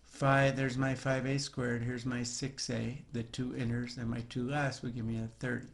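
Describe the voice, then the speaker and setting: A man's voice: medium pitch, little pitch movement, normal speed, gravelly. A man teaching a recorded math lesson, talking students through the steps in a chatty way with jokey asides.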